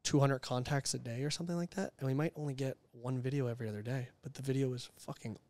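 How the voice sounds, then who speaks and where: Speaking as a guest in a relaxed interview, this entrepreneur in his thirties is frank and energetic, often acting out what people said. His voice is mid-range.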